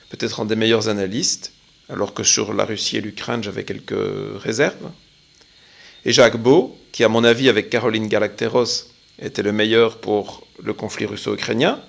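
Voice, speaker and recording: A man giving a measured, opinionated spoken commentary on current affairs, pausing often. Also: medium pitch, creaky. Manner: measured, opinionated, with frequent pauses. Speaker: political commentator.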